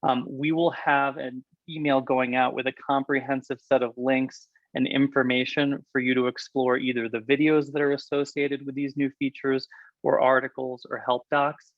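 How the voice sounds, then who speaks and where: A man talks quickly through a software demo in a chatty, explaining way, and his voice sits in the middle range. The sound is dry and a little dull, like a computer mic on a video call. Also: medium pitch, flat delivery, no echo. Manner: fast, chatty, explanatory with fillers. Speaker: product presenter. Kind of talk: webinar software walkthrough.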